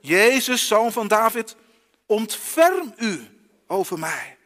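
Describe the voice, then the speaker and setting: A man voicing a desperate blind beggar who calls out loudly and pleads for help, with a long church echo. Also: on the high side, big pitch swings, unhurried, breathy edge, full character voice. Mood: pleading.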